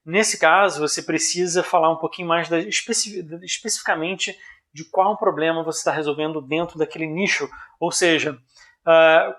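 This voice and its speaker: With a Brazilian accent and a fairly bright, high-sitting voice, this man presents a business analysis video. He explains things informally in a didactic, conversational way and often checks in with the listener.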